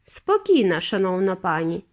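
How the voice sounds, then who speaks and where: A woman voicing a gallant, cheerful eccentric male factory owner, bright and reassuring. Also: lowish voice, sing-song, moderate pace. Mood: cheery.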